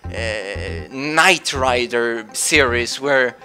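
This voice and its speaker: A man's voice: medium pitch, animated, drawn-out words, pushed and bright, soft background music. A man with a Swedish accent, a native Swedish speaker, rambling through news commentary with many fillers and restarts. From Sweden. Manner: meandering, full of fillers and restarts.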